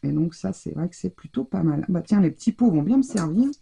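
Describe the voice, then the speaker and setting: A woman with a husky, gravelly voice talks her viewers through a hands-on craft demonstration. Her tone is very dark and mellow, and she chats loosely, restarting and trailing off as she works. The feel is relaxed and conversational. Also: lowish voice, a little fast. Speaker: craft tutorial host.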